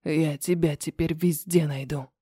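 A furious young man speaks low and hushed through his teeth, each threat held back rather than shouted, as a woman narrator puts him on. The voice sits lower than the reader's own, with a dark, mellow tone. It is dry and close, an audiobook character. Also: fairly even intonation, measured pace, husky, dry recording. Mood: menacing.

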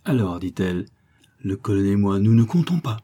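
A man reading aloud, voicing a calm, aloof young woman who speaks with nonchalant mockery. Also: on the low side, fairly quick. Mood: mocking. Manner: nonchalant, mocking.

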